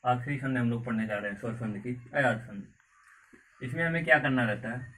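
A man teaching a grammar lesson in a coaching class, slowly repeating words and asking the class questions. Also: mid-range voice, pushed and bright. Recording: far from mic with faint background noise.

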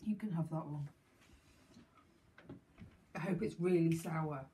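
A woman's voice: low voice, slow, dark tone. A middle-aged woman chatting casually between tastes as she is eating sour candy. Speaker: mother taste-testing sweets in a family video. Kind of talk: casual chat. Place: small domestic dining room, indoors. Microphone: handheld camera across the table. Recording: distant camera mic with room noise.

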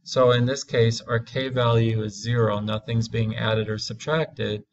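A man teaching a math lesson, walking through graphs slowly and deliberately, stretching key words for emphasis. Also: mid-range voice, steady tone, lo-fi sound.

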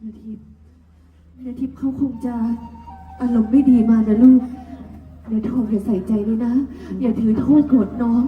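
A woman playing a gentle, long-suffering mother who soothes and pleads on a live folk stage. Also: on the high side, little pitch movement, moderate pace, long pauses, recorded from a distance, soft background music, close to an everyday voice. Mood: tender. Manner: soft, coaxing, pleading. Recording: dull, echoey live stage heard from afar.

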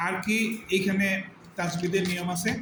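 Male Quran teacher, slightly high voice, patient step-by-step explainer who draws out recited words; echoey room with steady background hiss. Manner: explains step by step, repeating terms and drawing out recited words slowly. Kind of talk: religious lesson on word meanings and recitation rules.

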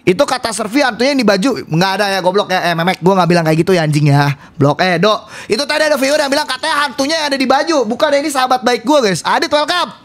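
A man streaming a horror game, talking loudly and rowdily to his chat and swearing often. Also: very high-pitched, animated, quick pace, hardly any pauses. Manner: loud, rowdy, swearing, addresses chat constantly. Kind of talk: live-stream gameplay commentary.

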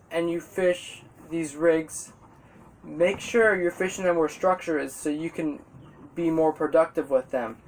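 A teenage boy hosting a fishing channel, chatting casually and gesturing a lot as he explains, outdoors on a boat on the water. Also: on the high side. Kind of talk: casual how-to vlog.

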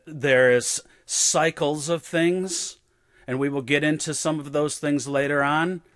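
A man preaching an online sermon in a slow, deliberate and solemn way. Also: on the high side, a bit bright, dry recording, clean studio sound.

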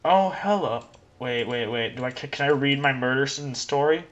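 A young man chatters through a video game, excitable and rambling, cracking jokes as he goes. His voice sits at a middle pitch, and the recording is dull and lo-fi. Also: normal speed. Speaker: gameplay commentator. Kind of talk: let's play commentary.

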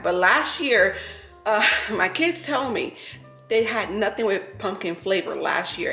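A woman, chatting casually to camera as a home vlogger, laughing often and saying y'all. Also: mid-range voice. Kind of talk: casual vlog chat to camera. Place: home kitchen, indoors. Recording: echoey kitchen with soft music.

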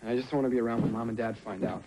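An actor playing an anxious, secretive teenage son with an American accent, youthful and earnest in a sitcom. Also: male voice, medium pitch, rapid-fire, lightly acted. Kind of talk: sitcom acting. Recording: 1980s TV soundtrack, noisy, studio audience.

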